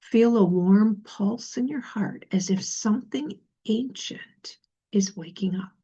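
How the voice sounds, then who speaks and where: Slow-paced woman guiding a meditation. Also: mid-range voice, breathy edge, lo-fi sound. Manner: gentle, unhurried, pausing between phrases. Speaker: guided meditation leader. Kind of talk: guided meditation, slow and soothing narration.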